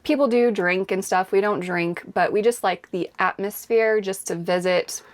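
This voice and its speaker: As co-host of a travel vlog, this woman talks to camera about life on the road in a chatty, easygoing way, dropping plenty of yeahs and going along with what's said. Her voice is mid-range and moves at a normal speed.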